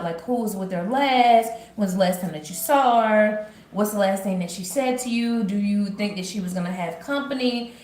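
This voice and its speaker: A woman's voice: mid-range voice, slight background noise. A woman from Georgia with a Southern accent, chatting to viewers in a casual devotional vlog. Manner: chatty, talks straight to viewers. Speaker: vlogger. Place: at home. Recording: roomy home recording.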